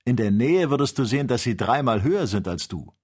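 A man reading the part of a calm, careful male doctor who leads an expedition, speaking in a measured, instructive way. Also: mid-range voice, breathy edge, voice pushed up. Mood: earnest.

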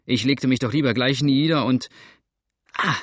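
A man voicing a sharp-eyed male hunter in an audiobook, speaking in a pointed, commanding way. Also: medium pitch, normal speed, no echo, studio quality, lightly acted. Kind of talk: audiobook character reading.

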